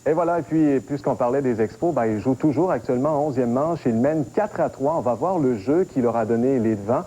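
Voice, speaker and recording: A male sports anchor with a Quebec French accent presents a bulletin, moving between script and ad-lib. His voice is mid-pitched and very mellow. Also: lively intonation, brisk.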